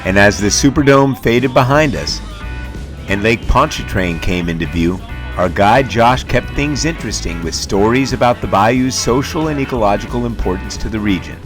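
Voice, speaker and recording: Male narrator, scripted nature-documentary travel voice-over over clear background music. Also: fairly low pitch, expressive, normal speed.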